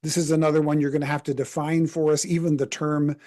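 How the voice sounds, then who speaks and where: A man hosts a podcast interview in a relaxed, conversational way. His voice is dark and mellow. He affirms his guest often and thinks aloud as he goes. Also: fairly high pitch, fast. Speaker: podcast host. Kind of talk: casual interview.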